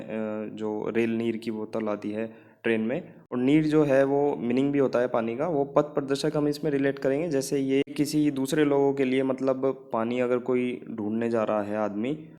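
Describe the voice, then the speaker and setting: A man's voice: mid-range voice, mellow. Hindi-speaking male vocabulary teacher. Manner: explains in Hindi mixed with English words, often saying "ठीक है". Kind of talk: Hindi vocabulary lesson with memory tricks.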